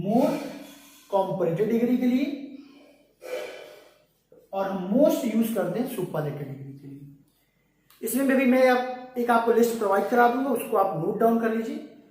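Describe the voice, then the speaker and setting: A man's voice: extremely high pitch, unhurried, pauses often, a little mellow, recorded from a distance, a little hiss or hum. A man teaches an online English grammar lesson, walking his students through each rule with one rhetorical question after another. He stands some way back from the microphone. The room around him rings with heavy echo. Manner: keeps asking rhetorical questions and calls students "beta". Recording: very echoey room, voice off-mic.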